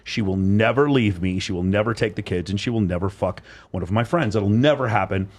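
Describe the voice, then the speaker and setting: A man's voice: fairly low pitch, fairly quick. A man co-hosting a casual interview chat, talking bluntly and rambling, with frequent swearing. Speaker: co-host interviewing women.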